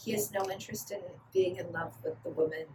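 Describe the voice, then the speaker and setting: A woman's voice: fairly low pitch, fairly even intonation, quick pace, dark tone, far from the mic, a little hiss or hum, poor audio. A young woman co-hosting a podcast, chatting casually and bluntly with lots of fillers. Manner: blunt, opinionated, many fillers. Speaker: podcast co-host. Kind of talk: casual chat.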